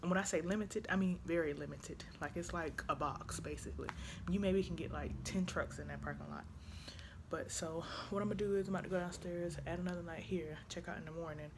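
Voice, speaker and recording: A woman's voice: fairly low pitch, steady tone, fairly quick. A woman chatting casually and informally in a rambling vlog. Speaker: vlogger; truck driver. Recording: clearly noisy handheld vlog audio.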